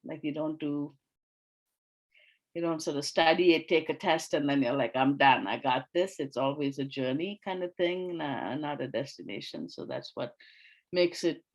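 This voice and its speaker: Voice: medium pitch, normal speed, poor audio. A facilitator from Sri Lanka leading an online workshop discussion over a video call, speaking thoughtfully with frequent fillers and restarts.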